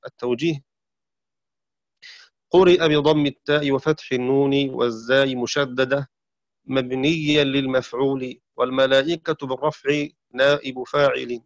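A man giving a methodical scholarly lesson on Quranic readings, slowing down to chant the verses he explains. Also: mid-range voice, dry recording. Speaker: Quran recitation teacher. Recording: dry, dull lo-fi recording.

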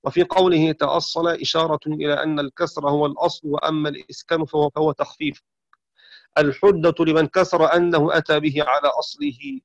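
A man teaching the variant readings of the Quran, explaining rules and slowly sounding out words to demonstrate pronunciation. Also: a little high, no echo, dull audio. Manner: explanatory, slows down to sound out words, self-correcting. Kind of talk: religious lesson on recitation variants.

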